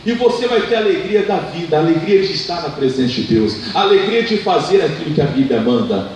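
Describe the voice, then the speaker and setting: Brazilian man, pastor, fervent sermon, loud-to-hushed swings, very echoey hall, distant mic, faint hiss. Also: on the high side, big pitch swings, quick pace. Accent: Brazilian Portuguese. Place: church hall.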